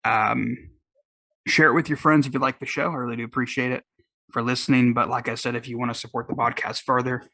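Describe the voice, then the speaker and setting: Man, Southern US accent, solo podcast host, rambling chat, bright voice, dry close mic. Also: mid-range voice, level tone, a little fast, vocal fry, no room sound. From Oklahoma. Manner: rambling, many restarts and fillers. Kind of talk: casual solo podcast talk.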